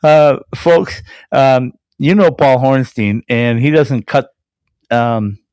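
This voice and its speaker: A man co-hosting a hockey talk show, chatting in a relaxed way with lots of fillers. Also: mid-range voice, slow pace, smooth, dry recording. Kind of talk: casual sports chat.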